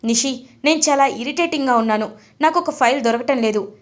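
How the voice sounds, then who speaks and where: A woman voicing an irritable young husband who scolds and shouts at his wife in a TV serial recap. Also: high voice, brisk, close to an everyday voice. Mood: irritated scolding. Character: irritable young husband, a male office boss.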